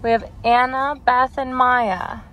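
A woman's voice: sits high, steady tone, unhurried, a crowd in the background, poor audio. A woman hosting a family vlog, casually asking relatives for their guesses in chatty style. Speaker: vlog host, expectant mother.

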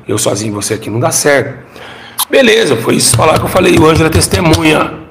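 Over a noisy background, a middle-aged Brazilian former pastor speaks quickly in a slightly high voice with big pitch swings. His emotional testimony is told dramatically, with repeated phrases the audience is asked to repeat.

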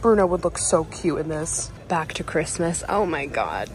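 A young woman talking excitedly to her viewers while filming herself shopping in a large store, gushing over items she finds. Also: low-pitched, normal speed, soft background music, rough recording. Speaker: lifestyle vlogger. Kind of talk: casual shop-with-me vlog. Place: large retail store, indoors. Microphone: handheld phone at arm's length. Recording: in-store background ambience.

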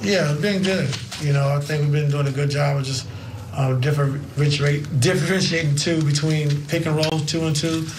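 Coach at the podium, higher-pitched, room echo and noise. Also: male voice, steady tone, normal speed. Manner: explains tactics plainly. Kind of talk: postgame press conference. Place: press room with sponsor backdrop. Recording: echoey and noisy.

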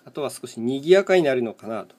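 Medium-pitched with lively intonation and a darkish tone, this man speaks a little fast. He's a live streamer hosting a solo mahjong chat video, rambling casually about his play in brief, matter-of-fact bits of thinking aloud.

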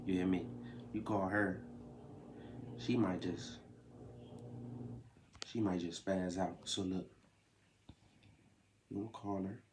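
This young prank-call vlogger speaks low and slow, his intonation fairly even and his pauses frequent. He chats to camera in a small home room, cursing, using slang and circling back to the same phrases. Faint room noise comes through the camera mic a little distance away.

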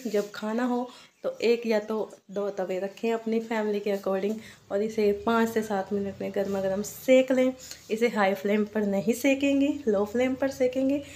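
A woman with a somewhat high voice talks the listener through a home recipe as the host of her cooking channel. Her delivery is friendly and instructive, moving step by step through each ingredient and method. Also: darkish tone. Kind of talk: recipe voice-over narration.

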